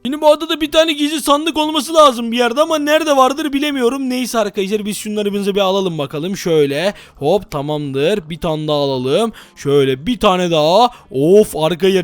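A man giving energetic Let's Play commentary, excitable and often yelling at enemies. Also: high voice, dry recording. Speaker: gaming YouTuber.

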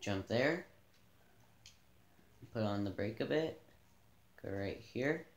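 Guy walking thru a racing game tip, slow and laid back, kinda rambly. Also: lowish voice, echoey room. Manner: relaxed, repeats himself, thinks aloud. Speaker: gaming channel host. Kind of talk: casual gameplay tutorial. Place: dim room in front of a TV.

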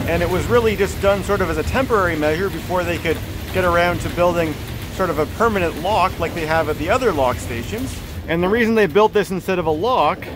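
A man in his thirties filming himself outdoors on a phone at arm's length, calmly narrating a solo canoe trip down a river like a tour guide. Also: sits high, a little hiss or hum. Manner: calm, informative, tour-guide-like. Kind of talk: casual travel narration. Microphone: phone camera at arm's length.

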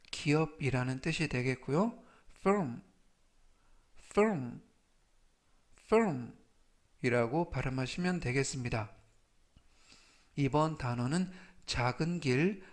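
A man with a Korean accent teaching English vocabulary in Korean, repeating each word three times in a slow, deliberate scripted way. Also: medium pitch.

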